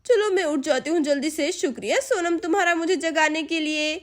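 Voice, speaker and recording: A patient, soft-spoken village mother with a very high voice, as a woman puts her on in a doll story. She speaks soothingly and kindly. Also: brisk. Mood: gentle.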